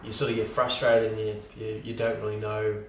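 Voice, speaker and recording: Brisk and monotone in a lowish voice, the home brewer rambles casually through a how-to video, restarting often and saying um a lot. It's recorded from a distance on a camera, roomy-sounding with a little hiss or hum.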